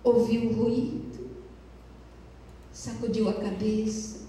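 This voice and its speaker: A woman lecturer telling a moving story in a lyrical, measured way during a spiritual talk, recorded with a far mic in a lecture hall. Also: a little high, little pitch movement, mellow.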